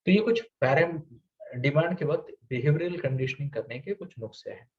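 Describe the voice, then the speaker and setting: Guy running a parenting seminar, slightly high voice, keeps going "right?" at the crowd, sounds far off and kinda muffled. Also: animated, moderate pace. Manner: keeps checking in with rhetorical questions; asks the audience for shows of hands. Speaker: parenting coach. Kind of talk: live parenting seminar talk. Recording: distant, dull lo-fi recording.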